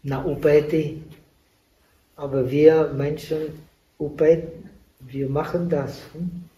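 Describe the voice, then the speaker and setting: Slow, halting monk in an echoey hall. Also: male voice, on the high side, level tone, dark tone. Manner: halting, with frequent pauses and fillers; non-native German with broken grammar. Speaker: Buddhist monk teaching meditation. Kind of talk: dharma talk at a meditation retreat. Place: retreat meditation hall. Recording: echoey room, voice from a distant mic.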